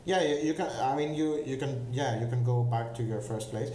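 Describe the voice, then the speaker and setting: A man narrating as game master of a tabletop game, halting and full of fillers and restarts. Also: medium pitch, warm tone, roomy sound.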